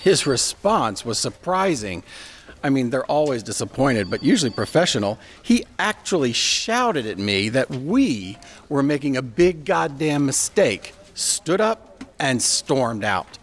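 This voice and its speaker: An actor playing a blunt, matter-of-fact law firm partner in an audio drama. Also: male voice, medium pitch, sing-song, unhurried. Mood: dismissive.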